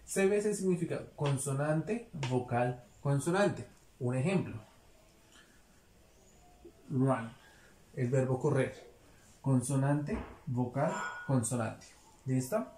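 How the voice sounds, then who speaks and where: A man's voice: medium pitch, takes it slowly, long pauses, mellow. A man teaching an English grammar lesson, explaining patiently and often checking that his students are following. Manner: patient, repeats "¿listo?" to check understanding. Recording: echoey room with faint noise.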